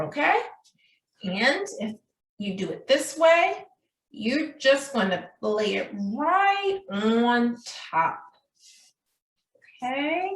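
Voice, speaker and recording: In a slightly high voice, the preschool teacher leads a craft demonstration for little ones in a sing-song way, calling them friends and asking frequent check-in questions. The microphone is distant, giving a roomy echo with slight background noise.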